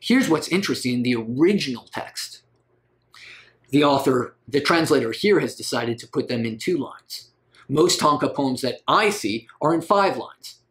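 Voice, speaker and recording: Man teaching a literature class, medium pitch, lively and questioning. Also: moderate pace. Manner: lively, rhetorical questions, emphatic rises. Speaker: lecturer. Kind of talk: recorded literature lecture.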